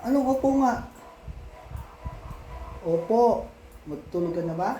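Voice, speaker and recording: A father in a casual home video, patiently coaxing and gently scolding his young child, repeating his questions over and over. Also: high voice, expressive, measured pace, roomy sound, a little hiss or hum, poor audio. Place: home, indoors.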